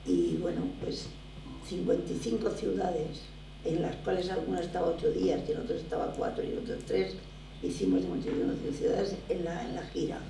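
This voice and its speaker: A woman's voice: on the low side, fairly quick, vocal fry. An older woman from Barcelona, a theatre producer, telling stories emphatically in an interview. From Barcelona, Spain. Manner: animated, emphatic storytelling. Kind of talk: conversational interview. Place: lecture room at a drama school. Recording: echoey room, voice from far off, faint noise.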